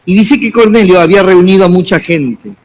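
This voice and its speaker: A man's voice: high voice, brisk, a little mellow. A man preaching as pastor, repeating calls to the congregation and addressing them as brother. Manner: preaching with repeated, rising exhortations. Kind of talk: sermon.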